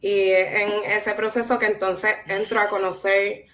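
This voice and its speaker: Puerto rican woman w caribbean spanish accent, artist chatting about her work, reflective, middle pitch. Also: little pitch movement, measured pace, fairly bright tone. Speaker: visual artist, guest speaker. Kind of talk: conversational artist talk.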